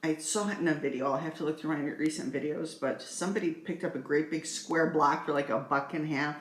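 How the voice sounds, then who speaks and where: With a little hiss or hum in the recording, a low-pitched middle-aged woman gives a casual makeup tutorial, rambling playfully and addressing her viewers directly. Faint music plays in an echoey room.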